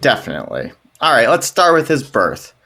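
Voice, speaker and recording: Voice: mid-range voice, wildly swooping pitch, moderate pace, creaky, sharp tone. A podcast co-host retelling myths in casual chat, playful and jokey with wry asides.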